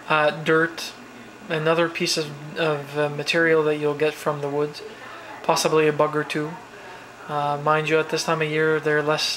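A man's voice: on the high side, slight background noise, low-quality recording. Rambling man from New cooking. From New Brunswick, Canada. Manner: relaxed, rambling, many fillers and restarts. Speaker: home cook. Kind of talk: casual cooking vlog. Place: home kitchen. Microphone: handheld camera.

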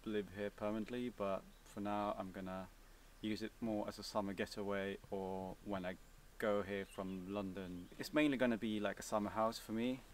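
Young Swedish-accented man, casual and halting, level low delivery, recorded outdoors from a few feet away. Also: far from the mic, a little hiss or hum. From Sweden. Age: young adult. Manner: relaxed, hesitant, many fillers and restarts. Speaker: vlogger. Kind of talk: casual Q&A answers. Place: outdoors, seated on a cabin bench by woods.

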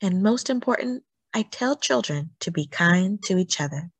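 A woman with a somewhat low, husky voice reads a children's story aloud. She sounds animated and expressive, deliberately emphasizing phrases, and the audio is dry and close-miked with little room echo.

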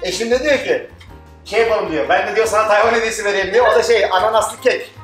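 Excited fast-talking Thracian Turkish man. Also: high voice, echoey room, soft background music. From Turkey. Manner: excited, chatty, laughing often. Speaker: vlog host. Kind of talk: casual vlog chat.

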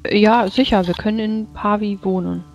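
A woman playing a tabletop game in ASMR role-play, giving a hushed, urgent warning. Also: mid-range voice, fairly even intonation, normal speed, lo-fi sound, soft background music.

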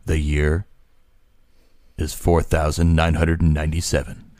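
A man, a podcast co-host, reading a short science-fiction story aloud at a slow, measured pace, sometimes stumbling over a word. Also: a bass voice, completely flat delivery, darkish tone, dry recording.

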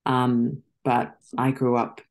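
A middle-aged woman from Zimbabwe, an actress and guest, chatting on a video call from a dim room at home. She speaks articulately and reflectively, with soft laughs and filler ums. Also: rumbling low, completely flat delivery, slow pace. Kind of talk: casual interview chat.

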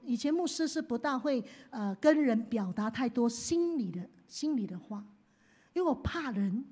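A woman pastor with a high-pitched voice preaches a sermon, swinging from hushed to loud. She leads the congregation in call-and-response.

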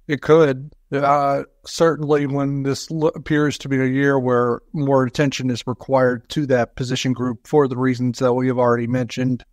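A measured man co-hosting a sports talk show, hedging his points. His voice stays flat and level. It is recorded dry and close. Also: mid-range voice, dry recording. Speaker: sports podcast co-host. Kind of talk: casual sports analysis talk.

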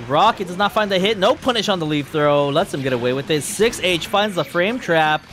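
A man's voice: sits high, a little hiss or hum. Man calling fighting game play-by-play. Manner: fast play-by-play, bursts of excitement at big moments. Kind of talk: live esports play-by-play commentary.

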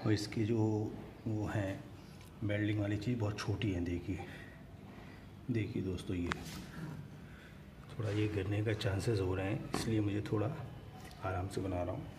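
Filming on his phone at home beside a marble staircase, a motorcycle vlogger talks casually through a hands-on product comparison. His voice is on the low side with a measured pace and long pauses, and background noise can be heard.

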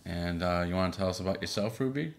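A man from Boston in his thirties, co-hosting a casual podcast with his wife, relaxed and full of fillers. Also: sits low, quick pace. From Boston, Massachusetts. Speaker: podcast co-host. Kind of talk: casual chat.

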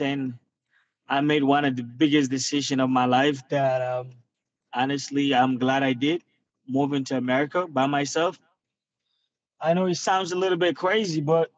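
An earnest young man from Nigeria in his twenties talks from a parked car, his voice a little high. As a guest fighter in a casual interview, he's reflective and uses many fillers. He speaks through a phone camera on a video call, giving dull lo-fi audio.

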